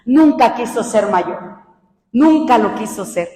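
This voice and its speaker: Woman preacher, lively, shouts her points, high voice in a reverberant hall. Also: takes it slowly. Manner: animated, shouting for emphasis, laughing asides. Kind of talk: sermon. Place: church hall. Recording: echoey church hall.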